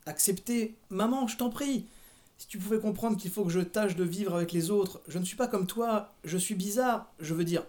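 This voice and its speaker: A man's voice: a little high, normal speed, a little mellow, lightly acted. A man reading aloud and voicing a frightened teenage girl who pleads with her mother. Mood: pleading.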